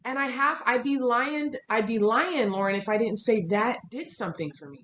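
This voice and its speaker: A woman hosting a casual interview, a coach by trade, with a voice sitting a little high. She talks reflectively and encourages her guest with long, open questions. The sound is echoey with a faint hiss underneath. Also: expressive, moderate pace, fairly bright tone. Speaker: interview host and fitness coach. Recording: echoey room with faint background noise.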